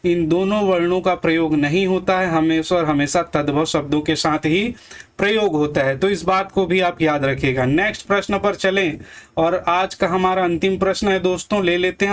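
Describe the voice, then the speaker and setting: A man teaching Hindi grammar for exam prep, slowly repeating each word and quizzing his viewers. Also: high-pitched, steady tone, fairly bright tone.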